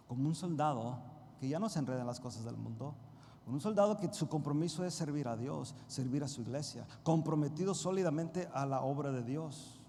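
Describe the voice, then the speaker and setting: A man preaching a sermon to his congregation, calling them brothers and swinging from hushed remarks to loud, emphatic bursts. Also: on the high side. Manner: addresses congregation directly as brothers. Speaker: pastor. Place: church sanctuary. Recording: reverberant church hall, faint noise.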